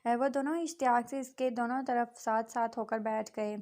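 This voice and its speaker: A woman reading a romance novel aloud in a steady storytelling manner. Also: a little high, moderate pace. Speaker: novel reader.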